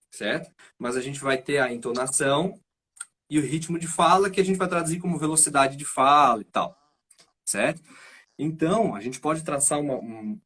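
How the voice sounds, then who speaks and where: A man's voice: on the high side, fairly bright tone, breathy edge. A man hosting a live stream, a speech therapist explaining his ideas and checking in with "right?" as he goes. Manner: thinks aloud, frequent "né?" and "certo?" tags.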